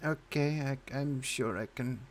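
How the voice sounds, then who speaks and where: A man voicing a frail old woman barkeeper with a creaky, slow, doddering voice. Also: medium pitch, voice pushed up, lightly acted.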